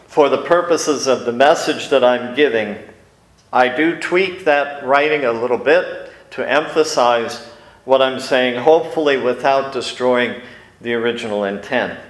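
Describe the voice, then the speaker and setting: A man preaching a sermon as pastor, speaking in a measured way with frequent pauses and fillers. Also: medium pitch, echoey room, poor audio.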